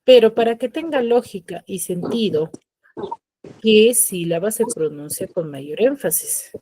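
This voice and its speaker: A woman's voice: mid-range voice, lively intonation, measured pace, warm tone, poor audio. Woman teacher on a video call. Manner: explains patiently, repeats key terms, checks with "¿ya?". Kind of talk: online class lecture. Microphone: computer mic on a video call.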